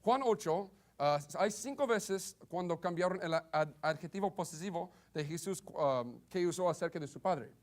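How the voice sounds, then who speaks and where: Man preaching, halting restarts, slightly high voice. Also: expressive. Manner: halting, many restarts and stammers. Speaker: Baptist preacher. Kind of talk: sermon.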